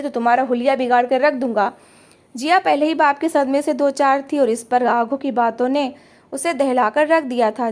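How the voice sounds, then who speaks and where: High-voiced woman narrating a family story. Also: a little mellow.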